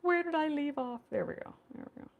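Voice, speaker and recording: A woman's voice: high-pitched, animated, fast talker, vocal fry, narrow, tinny audio. A woman hosting a casual live stream from her home studio, chatting and often laughing as she explains her painting work at her desk mic. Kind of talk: casual chat while painting.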